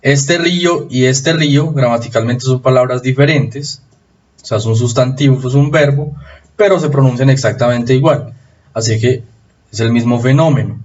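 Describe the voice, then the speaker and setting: A man giving a recorded spelling lesson, explaining rules slowly and repeating them for emphasis. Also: medium pitch, darkish tone, lo-fi sound. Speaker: spelling teacher.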